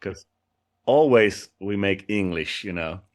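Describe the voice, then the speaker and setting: Speaking slowly in a low, expressive voice, this Finnish man is a musician being interviewed in English with his native Finnish accent. The tone of the exchange is friendly and casual, with restarts and light laughs.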